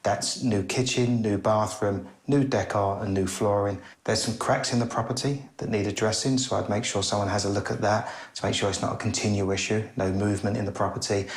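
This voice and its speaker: A man's voice: fairly low pitch, fairly even intonation, fairly quick, hardly any pauses. A man working as an estate agent, giving a matter-of-fact appraisal of a house point by point. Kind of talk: property appraisal. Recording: echoey room with faint music.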